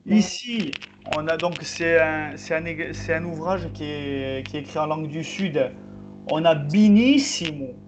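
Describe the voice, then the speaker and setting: A man teaching a group language class over a video call, explaining slowly with many pauses and fillers. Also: a little high, steady tone, background noise. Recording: slightly muffled video call audio.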